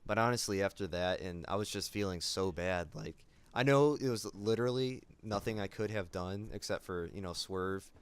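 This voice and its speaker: A young man talking in a casual vlog, subdued and somber, halting with many fillers and restarts. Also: on the low side, smooth. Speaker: gaming YouTuber.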